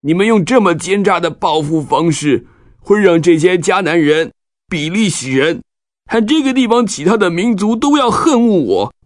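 Casting: male storyteller as lamenting old father, raised pitch, reproachful and distressed, children's Bible tale. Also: expressive, normal speed, dry recording, studio quality. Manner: sighing, lamenting. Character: distressed old father scolding his grown sons.

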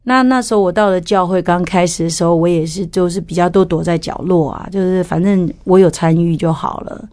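A woman's voice: lowish voice, brisk, hardly any pauses, darkish tone, no echo, studio quality. A middle-aged woman, a former singer and worship leader, telling her personal testimony in a candid storytelling way and acting out the voices she quotes.

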